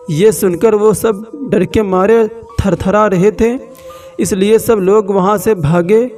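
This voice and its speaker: A man narrating a scripted horror story slowly and dramatically with long pauses. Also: sits high, a little mellow, far from the mic.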